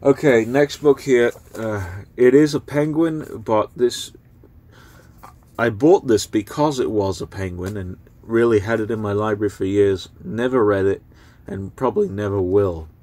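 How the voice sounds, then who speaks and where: A young man with a fairly low, warm voice casually goes through books he plans to give away. As a book vlogger doing a relaxed spoken review, he rambles unhurriedly and fills his speech with fillers.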